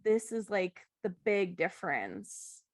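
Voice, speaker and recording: A woman's voice: mid-range voice, big pitch swings, slow pace. A woman in casual podcast conversation, talking candidly and animatedly, often laughing and acting out quotes.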